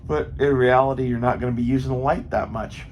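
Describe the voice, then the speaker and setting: A gun hobbyist vlogger, an American man, talks fast with a medium pitch and steady tone in a casual, wandering monologue full of free swearing and thinking out loud. Faint ambient noise can be heard behind him.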